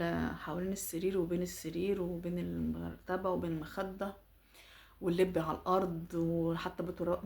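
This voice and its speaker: A middle-aged woman with an Egyptian accent, casually retelling a follower's family problem and giving animated advice. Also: on the low side. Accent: Egyptian Arabic. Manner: animated, rapid, emphatic advice. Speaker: social media storyteller and advice giver.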